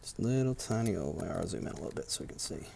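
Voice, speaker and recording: Gravelly man giving step-by-step instructions. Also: low voice, lively intonation, fast talker, darkish tone, a little hiss or hum. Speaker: tutorial presenter. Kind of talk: software tutorial.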